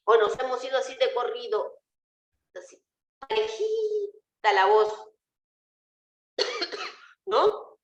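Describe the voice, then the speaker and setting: A woman teacher giving an online class. She talks patiently and often puts rhetorical questions to her students. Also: on the high side. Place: home, on a video call. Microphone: computer mic on a video call. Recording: roomy video call audio.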